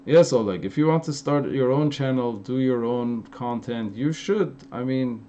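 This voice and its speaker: A mellow, mid-range voice at a measured pace: a young Los Angeles man whose American accent has Armenian influence, answering live chat questions. It's a casual stream Q&A, and he rambles loosely with fillers and restarts. The audio is slightly dull and lo-fi, with faint noise.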